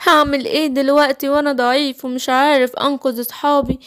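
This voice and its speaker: A woman's voice: sits high, fairly bright tone. A woman doing an earnest young lion cub hero. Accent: Egyptian Arabic. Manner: earnest, eager storybook hero.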